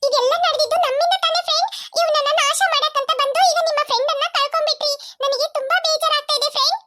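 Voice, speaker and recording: A woman voicing a tiny, gentle female sparrow in a cartoon, soothing and sympathetic. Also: very high voice, fairly even intonation, quick pace. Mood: earnest. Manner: soothing, sympathetic, calls everyone friend. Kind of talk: cartoon voice acting. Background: children's music.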